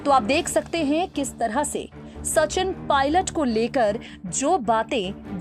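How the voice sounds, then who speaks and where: A woman reading a scripted news voice-over, quoting posts aloud in an even newsreader cadence. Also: fairly high pitch. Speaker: news reader. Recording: voice-over with clear background music.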